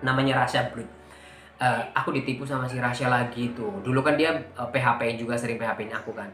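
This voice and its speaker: A man vlogger telling a personal story in casual talk, emotional and animated, acting out what people said. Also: mid-range voice, a little fast. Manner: emotional, animated retelling with acted-out quotes. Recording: echoey room with faint background music.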